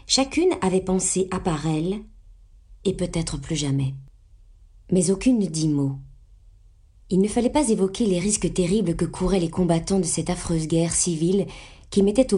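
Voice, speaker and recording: Woman narrator reading a classic story, mellow dark tone, calm measured pace. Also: lowish voice, slightly rough. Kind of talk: audiobook reading of a classic novel.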